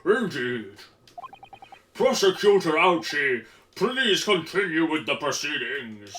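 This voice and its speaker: A man's voice: on the high side, big pitch swings, pushed and bright, slight background noise, exaggerated voice. Man acting a grave, formal courtroom judge. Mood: solemn. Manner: formal, measured.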